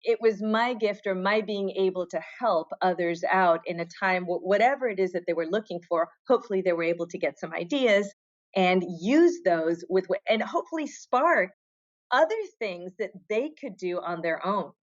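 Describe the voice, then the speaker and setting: A middle-aged woman talks casually as a podcast guest at a medium pitch, winding through personal stories with restarts and asides. The audio is slightly dull and lo-fi. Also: animated, normal speed. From Argentina. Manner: storytelling, with restarts and trailing asides. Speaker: podcast guest, fitness competitor. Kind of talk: casual interview chat.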